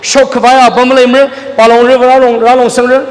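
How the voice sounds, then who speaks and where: A man's voice: extremely high pitch, completely flat delivery, fast talker. A man preaching a sermon in a church, dropping English words into his talk. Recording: echoey church hall, mic at a distance.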